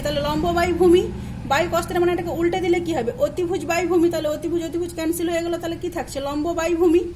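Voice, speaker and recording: A woman's voice: high-pitched, a little mellow, a little hiss or hum, rough recording. A woman teacher with a Bengali accent giving a recorded math lesson. She is patient, spells out terms letter by letter, and asks questions that she then answers herself. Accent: Bengali, from eastern India. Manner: patient, repeats key terms and spells them out.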